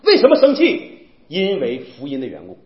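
A man preaches with great swings, jumping from sudden loud cries to hushed murmurs. He keeps firing rhetorical questions at his listeners. The sound is roomy and echoing, a little dull. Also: on the high side, huge pitch swings, normal speed. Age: young adult. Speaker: pastor. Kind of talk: sermon.

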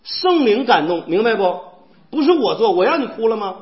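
A man preaching a sermon in a church, animated and firing rhetorical questions at the congregation. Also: sits high, brisk. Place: church hall. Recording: echoey, dull church hall recording.

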